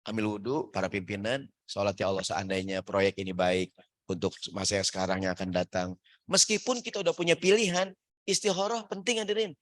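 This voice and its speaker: A man preaching a lively, jokey sermon in a mosque, often calling out to the audience and acting out characters in higher voices. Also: dry recording, clean studio sound. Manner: lively, jokey, keeps addressing the audience as "hadirin". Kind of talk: humorous sermon to an office congregation. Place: mosque prayer hall.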